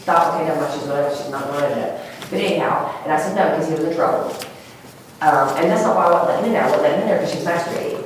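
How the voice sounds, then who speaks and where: A woman gives rambling, emotional courtroom testimony in a quick rush of words, heavy with fillers. Her voice sits a little low. She is picked up by a distant mic in a very echoey, noisy courtroom.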